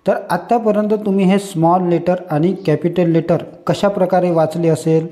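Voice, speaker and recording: In a slow beginners' phonics lesson, this man poses questions and then supplies the answers, call-and-response style, over and over. His dark voice sits high, with fairly even intonation and a moderate pace.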